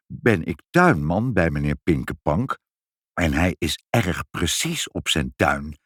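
A man reading a humble old gardener, slow and mumbling. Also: low voice, no echo, studio quality, full character voice.

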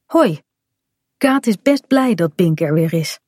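A woman reading a children's story aloud, gentle and clear. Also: on the low side, lively intonation, normal speed, dry recording, clean studio sound.

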